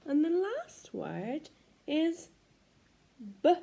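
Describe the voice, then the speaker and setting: A woman's voice: sits high, wildly swooping pitch, extremely slow, gravelly, mellow. A woman teaching a children's phonics lesson, sounding out letters in an encouraging, sing-song way.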